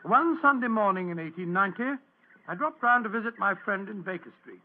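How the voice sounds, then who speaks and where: Fussy, high-voiced old Doctor Watson. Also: male voice, animated, a little fast. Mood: recounting. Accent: English. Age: older. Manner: stammering, blustery, huffy, pompous. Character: fussy, bumbling, good-natured old English doctor recounting memories. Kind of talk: 1940s radio drama acting. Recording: muffled old radio broadcast.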